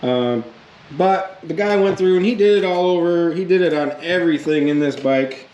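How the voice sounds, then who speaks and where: A man who sounds under the weather, giving a casual, halting how-to vlog talk in a low-key, plain-spoken way. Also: a little mellow, dull audio. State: under the weather, sick with a cold. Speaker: host of a DIY motorcycle repair channel.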